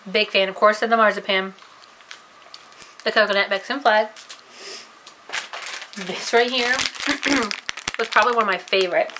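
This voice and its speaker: A woman's voice: medium pitch, background noise. A woman vlogger chatting casually while tasting candy on camera, giggly and self-deprecating.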